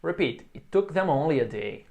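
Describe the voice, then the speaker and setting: Man teaching English, slow repeated phrases. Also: on the high side, big pitch swings, a little mellow. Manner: explains in Portuguese, models English phrases slowly for repetition. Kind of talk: recorded online English lesson.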